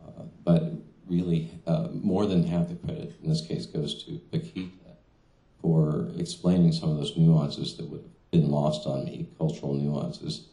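His voice rumbles low with a warm tone and flat delivery, a little slow, as this middle-aged translator speaks casually at a reading in a small venue, with plenty of fillers and restarts. He is seated in front of a stand mic, and the room is echoey.

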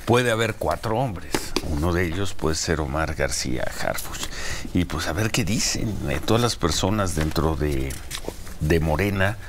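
A man's voice: low voice, lively intonation, measured pace, background noise. An older man with a Mexican Spanish accent hosting a political interview in a TV studio, asking pointed, rhetorical questions. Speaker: host.

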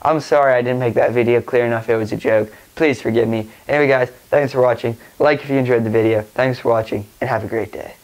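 A man's voice: mid-range voice, fairly even intonation, quick pace, hardly any pauses, darkish tone, low-quality recording. A young man with a stuffy nose from a cold, rambling casually through a tech vlog with lots of fillers and restarts. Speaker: tech vlogger.

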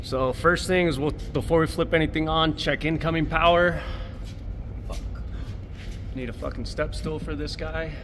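A man's voice: fairly high pitch, fairly even intonation, normal speed, long pauses, noisy background. A man working as a refrigeration technician, explaining each step plainly as he works and swearing often, recorded on a head-mounted camera on a rooftop at night and in equipment rooms. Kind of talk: casual work narration.

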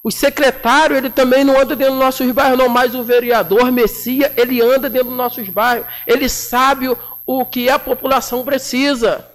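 A man's voice: very high voice, little pitch movement, fairly quick, hardly any pauses. A man in his forties, a city councilman from Brazil, giving a combative, indignant floor speech full of colloquial slang into a desk microphone in a council chamber. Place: municipal council chamber, indoors.

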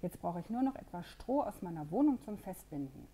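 A woman voicing an eager, proud young male squirrel in a storybook read-aloud, talking in excited tinkering patter. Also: fairly low pitch, brisk.

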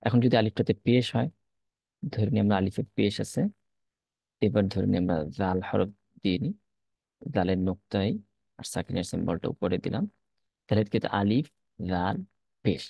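Male teacher, low gravelly voice, dry close sound, patient step-by-step drilling. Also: dark tone, no echo. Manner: patient, repeats letter drills slowly. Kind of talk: step-by-step lesson on reading Arabic letters.

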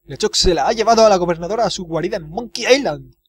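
A man's voice: high-pitched, fast, voice pushed up. A man voicing a gloomy old male lookout who speaks in a resigned, doom-laden way.

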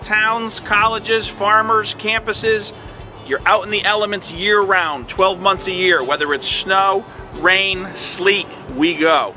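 A man's voice: high-pitched, fairly even intonation, slow pace, bright, forceful tone, faint music behind. A middle-aged man, an equipment dealer salesman, giving a plain product walkthrough with fillers, outdoors on a lot and then inside a tractor cab.

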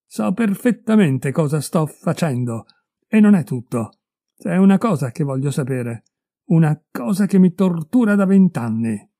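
A furious, betrayed middle-aged husband, put on by a male reader hurls accusations at his wife and her lover. His voice climbs with anger over a very dark, mellow base. The storybook recording is dry and close. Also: on the high side, expressive, a little slow, no echo. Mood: furious, accusing. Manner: raised, heated and accusing.

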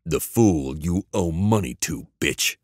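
A male narrator voicing a cool, menacing male ex-soldier who speaks slowly and evenly. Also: no echo, studio quality, exaggerated voice. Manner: low, slow, calm, menacing.

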